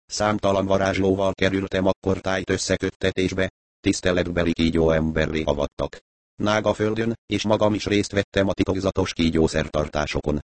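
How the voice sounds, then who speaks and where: A man reading a first-person novel aloud in a steady, measured storytelling manner. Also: low voice, dry recording. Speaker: audiobook narrator.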